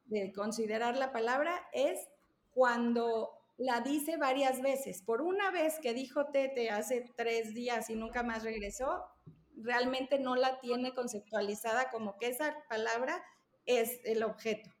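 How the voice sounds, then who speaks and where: A woman's voice: on the high side, unhurried. A woman, a language therapist explaining patiently with examples as a podcast guest. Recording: roomy echo.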